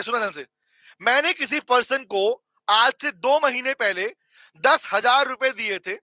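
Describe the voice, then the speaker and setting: A man's voice: extremely high pitch, sharp tone, no echo, clean studio sound. An Indian man teaching an online law lecture, mixing English terms into Hindi, often repeating points and asking his students to reply. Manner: addresses students as beta, asks for replies, repeats points.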